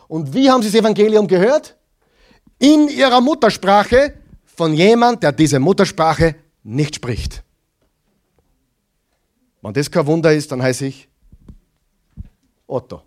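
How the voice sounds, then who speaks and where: Male pastor, higher voice, preaching, quizzes the room then answers himself, loud phrases dropping to soft asides. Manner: asks the audience questions and answers them himself; swings between loud stressed phrases and quiet asides. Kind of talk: sermon.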